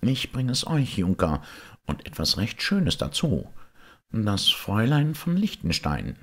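A man's voice: fairly low pitch, sing-song, measured pace, voice pushed up, full character voice. A man voicing a friendly, cheerful wandering piper in an audiobook. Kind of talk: audiobook character voice.

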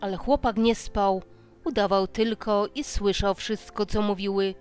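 A woman reading a folk tale as an audiobook in slow, even storytelling. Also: mid-range voice, clean tone, faint music behind. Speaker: audiobook reader. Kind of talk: scripted storybook narration.

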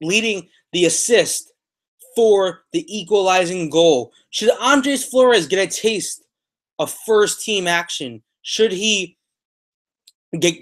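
Here a young soccer podcaster gives unscripted commentary to camera from a small room in his home, recorded on a webcam or laptop about an arm's length away. He has a high, fairly bright voice and leans on repeated phrases to drive points home.

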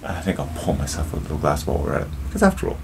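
Low-voiced guy doing a chatty drinks review vlog, cracking jokes, faint background hum. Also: wildly swooping pitch, very fast, gravelly, darkish tone. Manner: chatty, jokey, addresses viewers as "my people".

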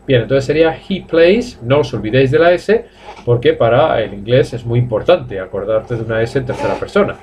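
A man from Spain with a Spanish accent, teaching a live online English class, explaining in Spanish and modelling slow drill sentences in English. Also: medium pitch, animated, a little mellow, slight background noise. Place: language academy classroom.

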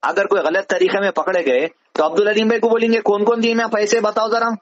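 This advisor, a Hyderabadi-accented man, responds to a caller over a dull lo-fi phone line. He speaks in a high-pitched, steady, brisk voice, teaching as he goes and frequently asking rhetorical questions.

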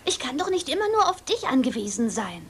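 A bickering, stubborn pregnant heroine. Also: female voice, sits high, very animated, brisk, a crowd in the background. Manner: bickering and sharp-tongued. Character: stubborn, independent young pregnant woman. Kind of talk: German TV soap dub.

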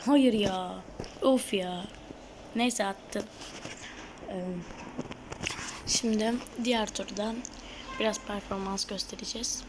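A woman giving live gameplay commentary on her gaming channel, excitable, shouting at opponents and then dropping to a murmured whisper. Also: medium pitch, takes it slowly, long pauses, background noise.

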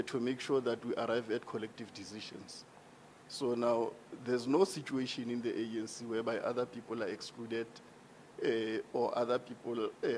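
A man's voice: medium pitch, a little hiss or hum. A man with a South African accent, a regional party executive, explaining procedure formally into a handheld mic in a large hall. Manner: formal, explanatory, rising emphasis. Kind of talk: town hall debate answer. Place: large indoor hall with seated audience. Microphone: handheld microphone.

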